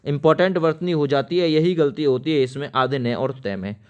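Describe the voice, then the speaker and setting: Speaking briskly in a smooth, clear voice that's a little high with a darkish tone, a male teacher runs an exam spelling lesson. He writes each word while spelling it out letter by letter, calls viewers friends, and repeatedly stresses which ones are important. The audio is dull.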